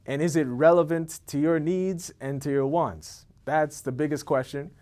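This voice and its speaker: Rambling man in his thirties, slightly high. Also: fairly even intonation, normal speed, a little mellow. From Ethiopia. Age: 30s. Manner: rambling, repeats words, keeps asking "okay?". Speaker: event organizer. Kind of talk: casual promotional monologue.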